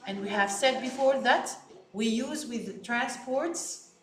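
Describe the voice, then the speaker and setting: An Egyptian woman whose first language is Arabic teaches English vocabulary to children, repeating each word slowly and stressing it. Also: on the high side, reverberant, a little hiss or hum. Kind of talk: slow classroom vocabulary lesson.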